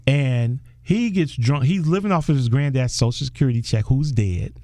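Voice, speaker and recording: A man's voice: medium pitch, normal speed, dry recording. A man, a film director guest in a casual interview, telling a story with animation and laughing often. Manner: animated storyteller, acts out quoted voices.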